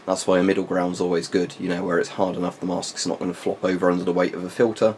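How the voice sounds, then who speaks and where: Low-voiced man giving a casual gear review. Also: level tone, fast talker, darkish tone. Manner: informal, rambling explanations with asides. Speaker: military surplus gear reviewer. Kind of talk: casual unscripted product review. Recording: faint background noise.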